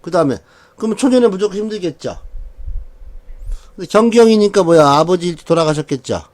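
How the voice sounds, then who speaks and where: A man with a high, animated voice leads a lesson on reading a birth chart. He keeps asking the class questions and answering them himself, and he chuckles between points. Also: fast. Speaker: saju fortune-telling teacher.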